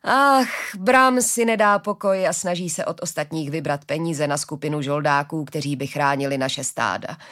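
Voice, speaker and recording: A woman voicing a kind, motherly old herder woman who speaks slowly and gently in a storybook reading. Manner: slow, gentle, low.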